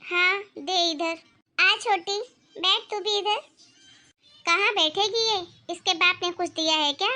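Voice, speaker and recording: In a cartoon, a proud rich mother-in-law looks down on a poor daughter-in-law in a bright, high voice that drops lower and slower for her sneers, as a woman puts her on. She is haughty and contemptuous. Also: exaggerated voice. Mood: scornful. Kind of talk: cartoon voice acting.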